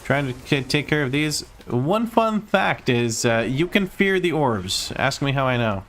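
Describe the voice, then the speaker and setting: A man's voice: mid-range voice, very animated, measured pace, fairly bright tone. A man from Croatia with a Croatian accent, casually commenting on his own gameplay on stream, chatty and self-mocking, swearing now and then.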